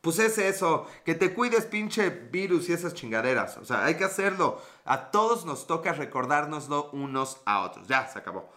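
Bright chatty Mexican man streaming. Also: a little high, big pitch swings, normal speed, hardly any pauses. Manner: chatty, slangy and profane, reading out and answering chat comments. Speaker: live streamer. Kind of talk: casual live-stream chat with viewers.

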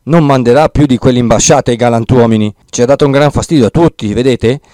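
A man's voice: mid-range voice, fast talker, dry recording, clean studio sound, close to an everyday voice. A man voicing a timid, fussy old village priest who rambles and frets in an audiobook reading. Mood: relieved, gloating. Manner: fretful, rambling, excitable.

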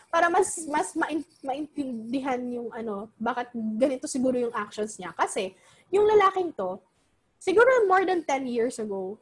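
Young woman, casual storyteller, high lively voice, Filipino-English mix. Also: breathy edge. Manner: animated, Taglish code-switching, many fillers.

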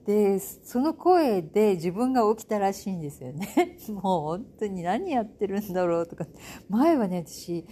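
Mellow-voiced chatty middle-aged woman. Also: medium pitch, very animated, moderate pace, slightly rough. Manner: chatty and self-amused, with lots of fillers. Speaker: podcast host. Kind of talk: casual solo talk. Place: home in Bali.

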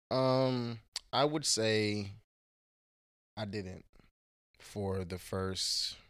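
A Houston-raised man speaks as a podcast guest in a slightly low voice. His talk is casual and full of slang and cursing, and he often restarts, trails off or searches aloud for a word. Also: fairly bright tone. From Houston, Texas. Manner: loose, slangy and profane, trailing off and searching for words.

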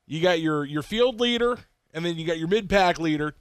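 A man co-hosting a casual racing podcast, an animated storyteller who acts out quotes. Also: a little high, a little fast, clean tone, no room sound. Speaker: podcast co-host. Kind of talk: casual chat.

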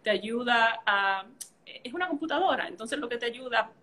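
A woman's voice: on the high side, animated, moderate pace, pushed and bright, a little hiss or hum. A woman telling a personal story in casual conversation, emotional and vivid, filling gaps with playful sounds. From a Caribbean island. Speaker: podcast conversation partner. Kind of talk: casual chat.

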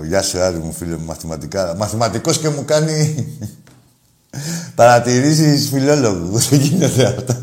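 Crude, taunting male call-in host. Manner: swings between loud rants and low asides. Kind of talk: call-in football banter.

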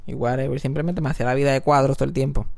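A man's voice: very fast, creaky, no echo. A man telling stories in casual chat, mixing in English and acting out voices in squeals. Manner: animated, mixes English into Spanish, acts out voices in high squeals. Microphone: close studio mic.

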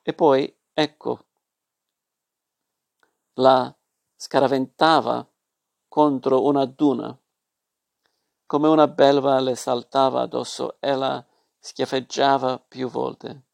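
A man reading a story aloud as its narrator, in a measured, expressive way. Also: mid-range voice, vocal fry, dry recording.

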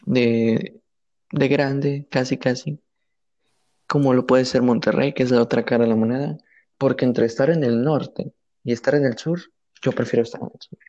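A man's voice: mid-range voice, steady tone, normal speed, dark tone. Blunt young Mexican man, muffled sound. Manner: opinionated, blunt, slangy. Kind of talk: casual chat.

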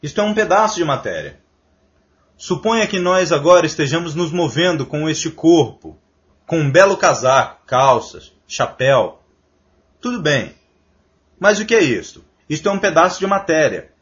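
An emphatic man delivers a religious scripture lecture, his pitch rising and falling in a lively way and sitting a little high for a man. He slows down to recite Sanskrit verses with care. The recording sounds dull and lo-fi. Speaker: spiritual lecturer.

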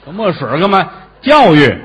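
A man performing as the lead comedian in live crosstalk comedy, boasting absurd things in a deadpan way. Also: high-pitched, slightly rough. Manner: deadpan absurd boasting, quick-fire delivery.

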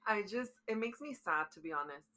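A young woman co-hosting a casual chat, animated, getting worked up and restarting her thoughts. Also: medium pitch, a little fast, low-quality recording. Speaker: podcast co-host.

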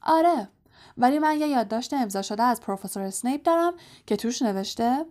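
A woman voicing a sneering teenage boy who leads a rival team, loud and scornful. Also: on the high side, animated, close to an everyday voice.

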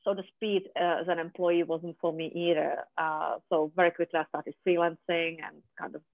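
A guest from Czechia with a Czech accent and Czech as a first language, speaking in a halting way with many fillers and restarts in a conversational interview. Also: mid-range voice, flat delivery, creaky, no echo. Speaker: podcast guest, business founder. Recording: dry, tinny phone line.

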